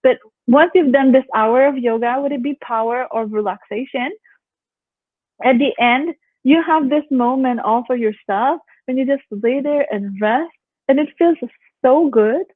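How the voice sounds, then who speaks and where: Speaking unhurriedly in a high voice, a young yoga teacher from Canada chats as a guest in a laid-back interview, her tone calming. She frequently laughs and plays out what other people said. There's no room sound, and the audio has a phone-call quality.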